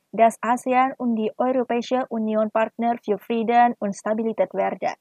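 A woman reading a scripted news report in an even, formal manner. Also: a little high, no echo. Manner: even, formal read delivery. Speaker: news reader.

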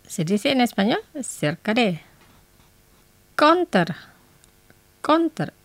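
Slow, careful woman teaching phrases. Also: on the high side, very animated, vocal fry, no room sound. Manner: repeats each phrase twice, slow and careful. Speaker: radio language-lesson host. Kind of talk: scripted radio language lesson.

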